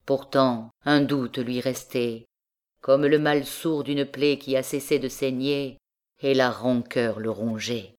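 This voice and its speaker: A woman narrating a classic novel as an audiobook, reading in a slow, measured way. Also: a bass voice, fairly even intonation, darkish tone. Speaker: audiobook reader.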